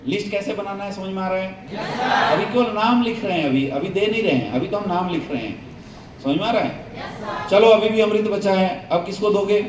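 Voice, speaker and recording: A man's voice: high voice, normal speed. A man giving a sales training talk to an audience, quizzing the crowd with call-and-response questions. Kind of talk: motivational seminar talk to an audience. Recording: echoey hall, mic from a distance.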